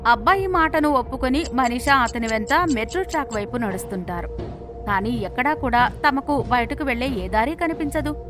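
Female storyteller, high-pitched, dramatic scripted narration over loud background music. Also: lively intonation. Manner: measured, dramatic storybook telling.

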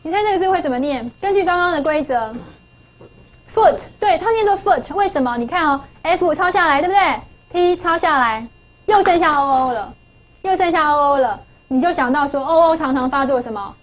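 A middle-aged woman with a high voice teaches a phonics lesson. She keeps asking her pupils questions and repeats the key points to drive them home. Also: animated, fairly quick, rough recording. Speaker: English teacher.

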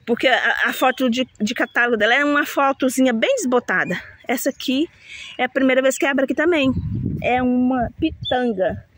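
A woman's voice: high-pitched, a little fast, a bit bright. A woman chatting casually to her viewers about her plants, laughing at herself when she stumbles over names. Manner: chatty, self-mocking about pronouncing names. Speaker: plant vlogger showing her flowers.

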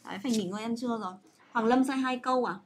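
A woman's voice: fairly high pitch, racing. A young woman teaching English grammar on a livestream, chatty and coaxing, full of fillers and checks with her students.

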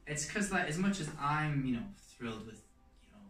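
A man's voice: fairly high pitch, expressive, a bit bright. A male host chats casually, stopping and restarting his sentences as he goes. He sounds a little distant from the microphone. The room echoes around his voice. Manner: halting, full of fillers and restarts. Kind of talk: casual interview chat. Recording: roomy echo, off-mic, faint music behind.

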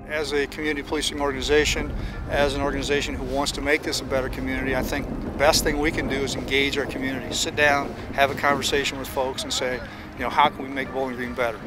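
A man's voice: mid-range voice, flat delivery, fast talker, over music. A police officer, a man, speaking about community outreach outdoors by a patrol car. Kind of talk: documentary interview.

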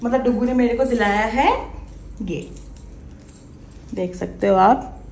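A woman in her thirties chatting casually in a home vlog, talking to viewers and scolding her pets in a high, loud voice. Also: slow, echoey room. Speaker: vlogger.

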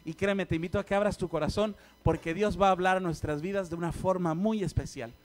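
A man's voice: high voice, fairly even intonation, quick pace. A man leading a church service, welcoming the congregation and introducing the preacher. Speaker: service leader. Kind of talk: church announcement.

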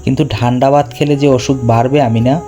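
A man voicing a poor, gentle middle-aged farmer who speaks softly and tenderly, full of sorrow, in a storybook reading. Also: medium pitch, fairly even intonation, fairly quick, faint music behind, lightly acted. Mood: weary.

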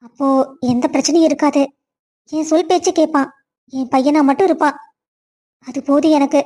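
A sharp, high-voiced cartoon stepmother, voiced by a woman, bossy and scheming. She scolds and lays out orders with cold certainty. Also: close to an everyday voice. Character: scheming stern stepmother, middle-aged.

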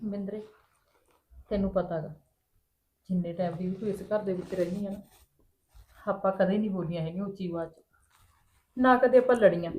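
An actress plays a sister-in-law in a family drama, soft-spoken and hurt. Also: female voice, mid-range voice, brisk, long pauses, natural voice. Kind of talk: Punjabi family drama acting. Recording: echoey room.

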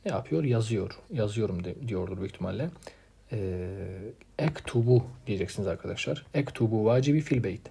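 A man teaching from a textbook, stressing each new word and then explaining it in an even, patient tone. His voice is gravelly and dark, with a rough, husky edge. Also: lowish voice, a little fast. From Turkey. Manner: reads Arabic words with emphasis, then translates plainly; addresses students as friends, repeats key words. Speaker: Arabic teacher. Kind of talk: textbook lesson walkthrough.

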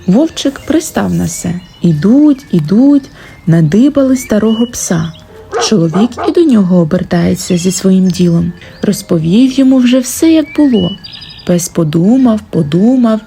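A woman narrating a fairy-tale audiobook in a gentle, expressive storytelling manner. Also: mid-range voice, moderate pace, creaky, faint music behind.

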